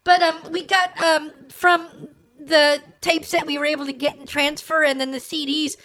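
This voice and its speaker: A high-voiced woman co-hosting a casual podcast. Her tone is bright and forward. She rambles through her points with plenty of ums and restarts. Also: little pitch movement, normal speed. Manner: chatty, rambling with fillers. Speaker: podcast co-host. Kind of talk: casual chat.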